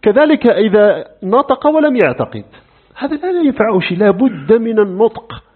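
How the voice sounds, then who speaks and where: Animated male religious teacher, tinny recording. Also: high-pitched, moderate pace, breathy edge. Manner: animated, poses rhetorical questions and answers them. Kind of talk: classroom lecture on creed.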